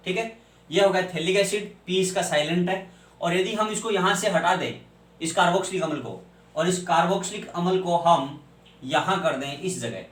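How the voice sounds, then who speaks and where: A man teaching chemistry lectures his class, asking questions only to answer them himself and spelling names out. The voice sits high with a fairly bright tone, captured far from the mic in a room full of echo.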